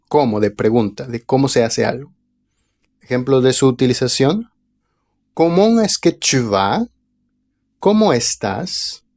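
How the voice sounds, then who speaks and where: A man teaching a language lesson online, reading example phrases slowly and carefully before explaining them. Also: medium pitch, darkish tone. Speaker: French teacher.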